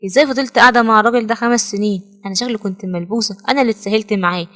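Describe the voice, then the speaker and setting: A fed-up young woman with a sharp, exasperated edge, speaking Egyptian Arabic, as voiced by a woman narrator. Her voice sits a bit high and moves at a very fast pace. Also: natural voice. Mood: muttering.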